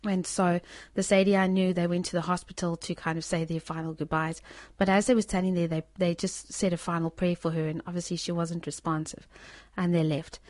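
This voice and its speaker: A woman's voice: fairly low pitch, flat delivery, brisk, no echo. A woman giving an informal sermon and sharing a testimony in an earnest way, often restarting her sentences. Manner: earnest, with repeated restarts and soft laughs.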